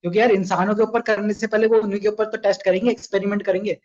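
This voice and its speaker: A man's voice: sits high, flat delivery, very fast, a little mellow, highs cut off. A young man runs a casual online sales training session, chatty and coaxing, often asking his listeners questions.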